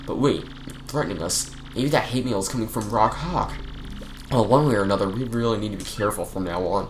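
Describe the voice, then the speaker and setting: A man's voice: fairly low pitch, a little fast, noisy background, lightly acted. A man reading an earnest, wary game sidekick.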